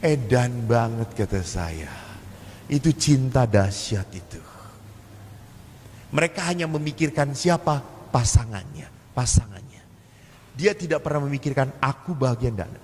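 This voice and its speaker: Javanese priest preaching in an echoey hall. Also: male voice, medium pitch, moderate pace, a little mellow. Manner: storytelling with acted family dialogue, humorous asides. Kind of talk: sermon-style seminar talk. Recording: echoey hall, faint ambient noise.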